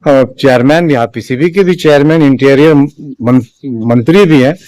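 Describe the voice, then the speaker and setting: A man giving a spoken opinion commentary in a measured, halting way, with frequent restarts and fillers. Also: mid-range voice, a little mellow, no room sound. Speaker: political commentator.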